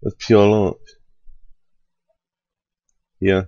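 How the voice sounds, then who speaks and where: A man's voice: fairly low pitch, completely flat delivery, extremely slow, dark tone, no room sound, lo-fi sound. A young man chatting casually and teasing a friend as he watches a video game on a voice call. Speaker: spectator on a group voice call watching a friend play. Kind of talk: casual gaming commentary.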